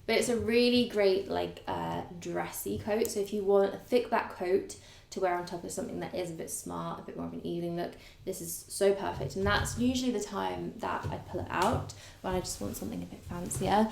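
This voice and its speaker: A woman's voice: mid-range voice, creaky, a little mellow. A woman vlogger chatting casually and enthusiastically to camera about her clothes. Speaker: fashion vlogger. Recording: echoey room with faint noise.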